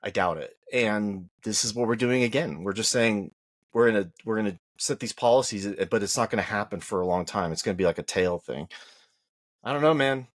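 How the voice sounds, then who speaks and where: Brisk and animated, this male podcast co-host chats about politics in a slightly whiny voice, his arguments full of rhetorical questions that climb in pitch. The audio is studio quality with no echo.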